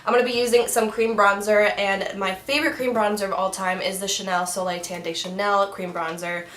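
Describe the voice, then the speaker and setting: A woman's voice: medium pitch, steady tone, brisk, a bit bright, reverberant. A young woman talking through a makeup tutorial in a chatty, giggly way with self-mocking asides. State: hiccups. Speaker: beauty vlogger.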